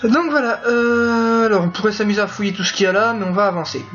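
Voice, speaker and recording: Easygoing game playthrough host, mid-pitched, halting delivery, dull lo-fi audio with faint game music. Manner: relaxed, halting, lots of fillers and asides. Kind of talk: casual live commentary.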